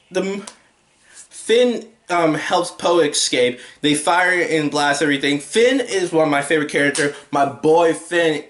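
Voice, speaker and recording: A man's voice: a little high, fairly bright tone, reverberant. A young man giving a casual, rambling movie review at home, full of restarts and filler words. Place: home room with a TV.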